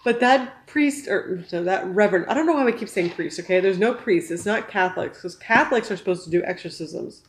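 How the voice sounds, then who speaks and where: A woman's voice: mid-range voice, brisk, hardly any pauses. A woman co-reviewing a movie in casual banter, talking in a blunt, tipsy way. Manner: tipsy, blunt, interjecting talk. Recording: roomy, echoey sound.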